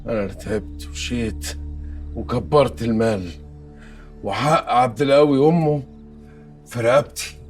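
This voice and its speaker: A man's voice: medium pitch, fairly even intonation, normal speed, long pauses, a little mellow, soft background music, natural voice. A man with an Egyptian accent playing a stubborn, ailing family patriarch in a film drama. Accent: Egyptian Arabic. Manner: stubborn, then groaning in pain.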